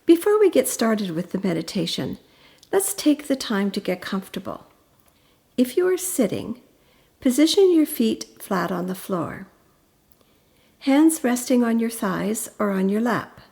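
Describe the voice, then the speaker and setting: A woman whose voice sits on the high side, with big pitch swings, narrates a guided meditation. She is gentle, soothing, and instructive, pausing between phrases that end breathily.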